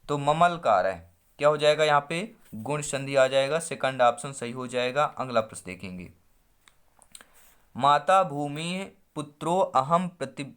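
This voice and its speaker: A man's voice: mid-range voice, a bit bright, clear, resonant tone. A man teaching an online exam-prep lesson, working through quiz questions and stretching out syllables as he explains each answer. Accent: Hindi-speaking India. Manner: quizzing, drawing out syllables as he works through answers.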